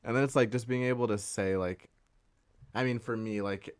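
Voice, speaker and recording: A man in his twenties, a podcast guest, chatting casually and rambling with lots of "like" in an excited way. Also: on the low side, moderate pace, clean tone. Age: 20s. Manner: rambling, heavy use of "like", excitable. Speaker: podcast guest, concert photographer. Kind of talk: casual chat.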